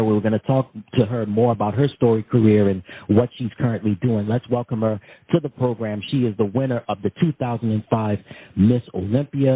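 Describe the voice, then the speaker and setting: A man's voice: lowish voice, breathy edge. A man hosting a radio-style interview, wordy and rephrasing his questions several times. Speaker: host. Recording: tinny phone-like audio.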